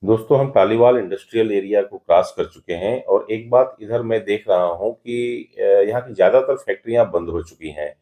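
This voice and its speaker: Male travel vlogger, lowish voice, relaxed and unhurried, frequent filler pauses, casual guide tone. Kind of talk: casual travel vlog narration. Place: driving on hilly roads, then at a roadside dhaba and outdoors.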